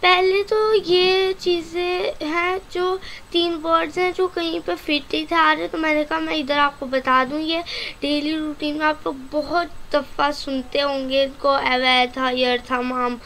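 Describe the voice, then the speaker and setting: A woman with a Pakistani Urdu accent teaching an online language lesson, slowly repeating each vocabulary word and calling her viewers friends. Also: high-pitched, little pitch movement, fairly bright tone, slight background noise. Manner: slow, careful repetition of vocabulary.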